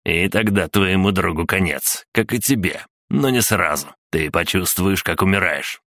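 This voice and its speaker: A man's voice: low-pitched, unhurried, sharp tone, dry recording, studio quality, full character voice. A man voicing a scornful gang leader who mocks and bargains with menace. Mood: menacing bargaining.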